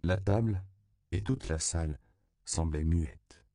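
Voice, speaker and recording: A man reading an audiobook in scripted narration, with an even, measured delivery. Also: low voice, gravelly, no room sound, clean studio sound.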